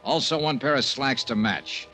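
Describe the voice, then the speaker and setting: In a vintage radio recording with music, a man with a medium-pitched, bright, natural voice speaks at normal speed in a forceful tone. He is the lead actor and narrator of an old time radio mystery, playing a tough, shrewd male investigator. His clipped, knowing delivery carries a terse narrating mood.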